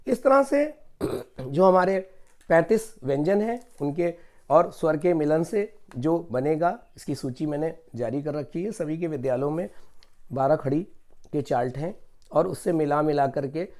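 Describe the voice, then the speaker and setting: A man's voice: a little high, dark tone. A male teacher giving an online lesson on reading syllables, explaining patiently and reciting each sound one by one. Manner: slow, deliberate syllable-by-syllable recitation.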